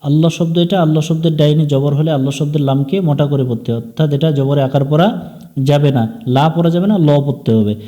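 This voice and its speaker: A man with a Bangladeshi Bengali accent teaches Quran recitation, spelling out letters and vowel marks before chanting each verse slowly. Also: a little high, steady tone, mellow. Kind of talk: slow step-by-step recitation lesson.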